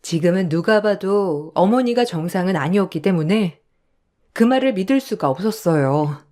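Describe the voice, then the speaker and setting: Woman, radio story narrator, reflective, heartfelt, expressive pitch.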